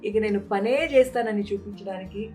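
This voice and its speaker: A woman's voice: medium pitch, fairly even intonation, brisk, a little mellow, faint music behind. A woman vlogger talking casually and playfully at home, switching into English now and then. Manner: playful, chatty, mixing in English.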